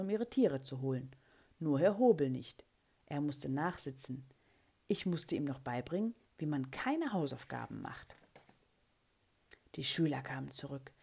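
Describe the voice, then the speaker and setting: Low, breathy woman reading a storybook. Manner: expressive, lively character voicing in quotes. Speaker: children's book reader. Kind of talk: reading a children's story aloud.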